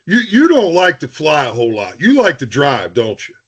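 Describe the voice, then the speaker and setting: A man's voice: on the high side, huge pitch swings, moderate pace, breathy edge, muffled recording. A man hosting a podcast, telling jokey team stories in casual chat, with lots of "hey" and restarts. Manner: joking storyteller, many restarts and "hey".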